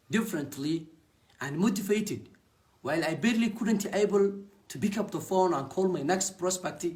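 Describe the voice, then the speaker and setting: In short, faltering phrases, a young Somali-accented man who speaks Somali natively gives a heartfelt account of his network marketing business. His voice runs a little high but has a darkish tone.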